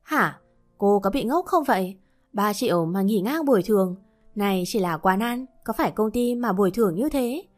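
A curt, impatient young man fires off short, blunt questions and scolds without softening anything. A woman narrator voices him with little change from her own voice. Soft music sits quietly behind. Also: sits high, expressive, moderate pace.

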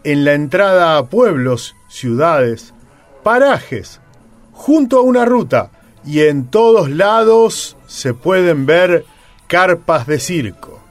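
Male reporter, scripted feature read, unhurried and lilting. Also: a little high, sing-song, soft background music. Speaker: radio reporter. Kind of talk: scripted news narration.

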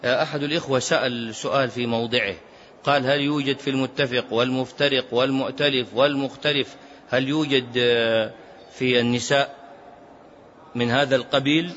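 A man's voice: medium pitch, fairly even intonation, a little fast, a bit bright. A man teaching a classical text as a sheikh, explaining in an emphatic lecturing way that rises sharply when he is stirred. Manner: chants Quranic verse in a melodic recitation. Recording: dull lo-fi recording with faint noise.

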